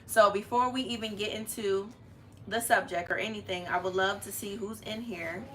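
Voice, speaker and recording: Chatty and full of slang, a young woman runs a casual family live stream from a living room. She speaks at normal speed in a steady, mid-range voice, with noticeable room noise around her.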